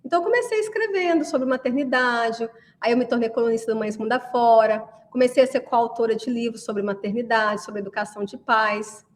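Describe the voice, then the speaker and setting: Chatty high-voiced Brazilian woman. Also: a little fast. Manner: chatty, often asks listeners with "né?" and "gente". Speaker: course creator addressing parents. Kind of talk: casual promotional class talk.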